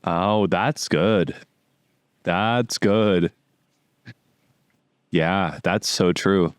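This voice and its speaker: A man's voice: low-pitched, extremely slow, smooth, dry recording, clean studio sound. A young man co-hosting a casual movie review podcast, slangy and blunt with hesitant fillers. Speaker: podcast co-host.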